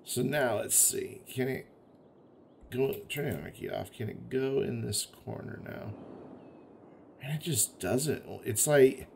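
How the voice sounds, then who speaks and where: With long pauses and vocal fry, a man speaks a little slowly in a mid-range voice against slight background noise. The gaming video host has hiccups while he plays a city-building game, giving easygoing commentary, thinking aloud and now and then griping about the game.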